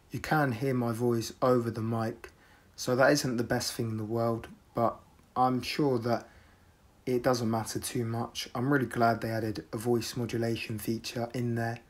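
In a deadpan, measured way, a man from the United Kingdom talks through a casual product review, his voice sitting in the mid range.

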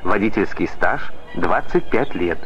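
A man reading formal narration for an old 1980s newsreel in a measured announcer manner. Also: low-pitched, lively intonation. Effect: old 1980s newsreel soundtrack. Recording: dull lo-fi film sound with faint music.

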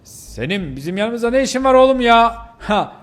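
A man's voice: very high-pitched, very animated, moderate pace, pitched above the performer's own voice. A man voicing a cocky bully dog who mocks a stray in a game role-play. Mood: mocking. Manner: mocking, boastful.

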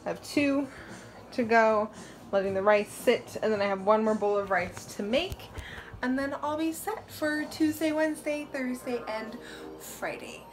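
A woman's voice: a little high, a little slow, slight background noise. A young woman chatting casually in her home kitchen vlog, rambling with fillers, recorded on a phone. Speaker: vlogger. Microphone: phone camera.

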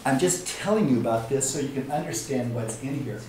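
A man teaching a training session, telling stories and acting out the voices of the people in them. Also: brisk. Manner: acts out quoted dialogue with lively swings in pitch. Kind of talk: animated storytelling lesson. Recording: very echoey room, distant mic, faint hiss.

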